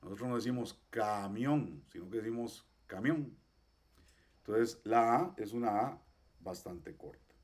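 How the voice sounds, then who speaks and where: A man teaching a class, patiently explaining pronunciation and repeating each example slowly. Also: on the low side, a little mellow. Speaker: Hebrew teacher. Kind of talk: online class.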